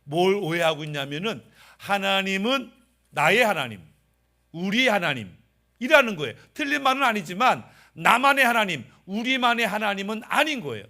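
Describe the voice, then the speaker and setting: A male pastor preaching a Sunday sermon, animated, swinging between a raised voice and quiet asides. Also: sits high, moderate pace.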